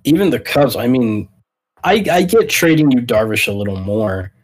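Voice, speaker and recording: A man's voice: mid-range voice, lively intonation, moderate pace, low-quality recording. A man co-hosting a casual sports podcast, arguing his opinions bluntly in loose, informal speech. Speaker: podcast co-host.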